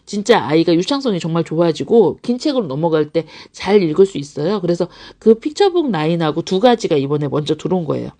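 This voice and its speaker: A woman hosts a live stream for parents about children's English learning. She talks in a casual, animated way, her pitch swinging widely, and she laughs often as she acts out little scenes. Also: fast talker, hardly any pauses. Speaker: English academy director hosting a live stream. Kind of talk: live-stream talk answering parents' questions.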